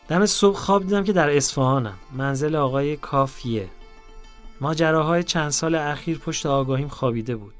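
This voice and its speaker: A man narrating a diary in a calm, measured reading voice. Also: fairly high pitch.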